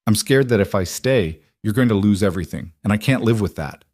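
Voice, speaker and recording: A man's voice: fairly low pitch, animated, a little fast, a little mellow, no room sound, clean studio sound, lightly acted. A man voicing a worn-out, guilt-ridden young man who speaks in a strained, tearful way in a dramatic story reading. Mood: anguished.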